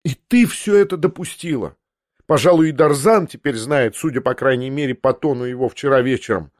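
A man reading a first-person literary audiobook, swinging between outbursts and hushed passages. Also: medium pitch, fairly quick, dry recording, studio quality. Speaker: audiobook narrator.

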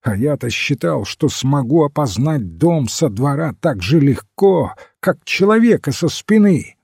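Brief: a man playing a big, excitable ex-burglar sleuth in an audiobook, loud, higher and slow-paced. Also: gravelly, husky, no echo, studio quality, exaggerated voice. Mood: astonished. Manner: loud exclamations, raised voice. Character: excitable big male ex-thief turned detective.

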